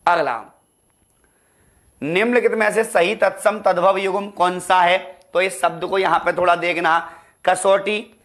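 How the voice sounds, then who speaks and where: A man with a high-pitched, slightly bright voice coaches students in Hindi ahead of an exam. He asks question after question and then answers them on his own, using "beta" and "ladlo" for the class.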